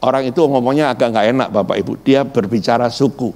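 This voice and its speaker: A man's voice: medium pitch, fast talker. A middle-aged man, a pastor, preaching a sermon built around a personal testimony, telling his story animatedly and repeatedly addressing the congregation. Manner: animated storytelling, acts out quoted voices, repeats "Bapak Ibu".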